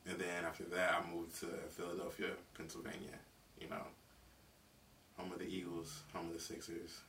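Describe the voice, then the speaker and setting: A man in his twenties from South Carolina, hosting his own podcast in a relaxed, rambling way, with lots of fillers and casual slang. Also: low voice, moderate pace. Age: 20s. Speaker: podcast host. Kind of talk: casual solo podcast talk. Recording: distant mic with faint background noise.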